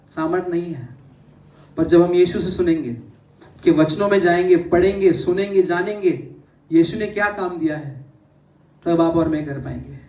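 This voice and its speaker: A man preaches in a church hall, firing questions at the congregation and calling out hallelujah, with English words mixed into his talk. His voice sits high for a man. The sound is echoey and picked up from a distance. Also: a little mellow. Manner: asks the congregation many questions, calls out hallelujah. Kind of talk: sermon.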